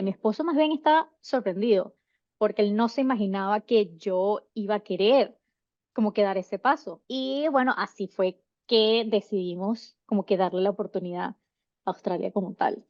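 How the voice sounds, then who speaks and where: A woman in her thirties with a Venezuelan Spanish accent is a guest in a casual interview, rambling and restarting often. She is seven months pregnant. Her mid-range voice moves at a normal speed, and the recording is dry and dull.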